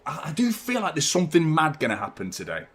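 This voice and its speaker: A young man hosting a fan watchalong stream, rambling chattily and giving shout-outs to viewers. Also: fairly high pitch, huge pitch swings, fast. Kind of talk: live stream chat with viewers.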